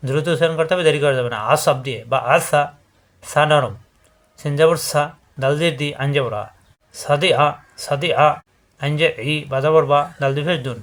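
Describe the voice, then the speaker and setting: Guy teaching quran letters, kinda high voice, chants the syllables over and over, corrects you. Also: steady tone, normal speed, fairly bright tone. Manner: drills syllables in repeated chanted patterns, corrects wrong forms; addresses viewers directly with instructions. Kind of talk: step-by-step letter pronunciation lesson.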